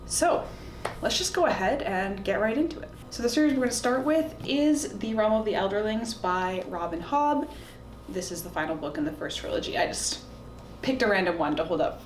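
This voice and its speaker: An animated woman at a moderate pace chats informally to the camera as a book reviewer and video host, handing out opinionated recommendations. The room is echoey, with faint background noise and a low rumble.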